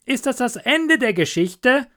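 A man's voice: very high-pitched, very animated, unhurried, sharp tone, voice pushed up, exaggerated voice. A man voicing a conceited, know-it-all male water rat in a storybook reading, speaking in a snooty, lecturing way.

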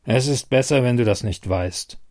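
A man voicing a rugged male fugitive who speaks low and terse. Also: moderate pace, a little mellow, natural voice. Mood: guarded.

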